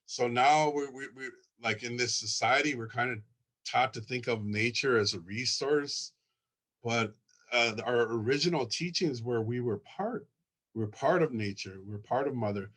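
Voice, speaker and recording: A man presenting his school at a conference, earnest and excited, often repeating words as he talks through his slides. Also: mid-range voice, normal speed. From Ojibwe, from Minnesota.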